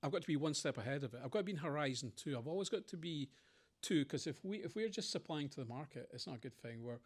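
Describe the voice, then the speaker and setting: Scottish man, middle-aged, brisk rambling anecdotes for a panel Q&A. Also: fairly high pitch, lively intonation, slightly rough. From Scotland. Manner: rambling anecdotes with quoted voices. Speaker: panel speaker. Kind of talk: conversational Q&A storytelling.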